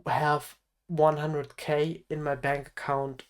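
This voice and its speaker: A man's voice: fairly high pitch, flat delivery, takes it slowly, clean tone. Earnest teenage man giving advice. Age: teens. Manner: earnest, direct advice to the viewer. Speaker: health coach. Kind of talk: motivational vlog monologue.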